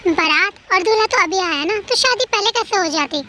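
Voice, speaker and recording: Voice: very high-pitched, expressive, normal speed, sharp tone, a little hiss or hum. A storyteller reading a dramatic fan story aloud and acting out every character's lines with pleading emotion. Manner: acts out each character's dialogue with pleading emotion.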